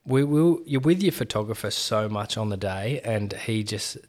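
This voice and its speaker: A man's voice: on the low side, lively intonation, normal speed, darkish tone. A young man co-hosting a podcast, chatting in an easygoing, slangy way and restarting his words often. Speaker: podcast co-host. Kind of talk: casual podcast chat.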